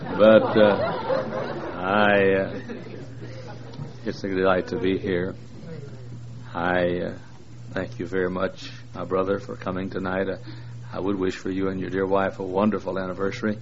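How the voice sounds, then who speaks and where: A deep, monotone male voice, a little slow, comes from a visiting preacher in his sixties joking in a folksy way with a large church congregation, using plenty of fillers. Crowd noise sits in the background of the dull lo-fi recording, which carries faint noise.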